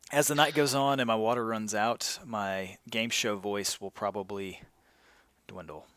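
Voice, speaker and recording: A man's voice: fairly low pitch, fairly even intonation, a little slow, a bit bright. A man hosting a live stream in an upbeat, chipper manner, like a game show host. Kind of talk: casual live-stream chat.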